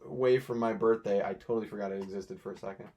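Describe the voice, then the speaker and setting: A man's voice: fairly low pitch, steady tone, quick pace, warm tone. A young man co-hosting a podcast in casual chat, joking, teasing and laughing often. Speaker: podcast co-host.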